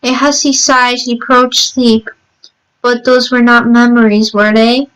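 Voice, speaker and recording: A woman narrating a scripted horror story, reading haltingly and often repeating words as she goes. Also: fairly high pitch, level tone, fairly bright tone, clear, resonant tone, rough recording.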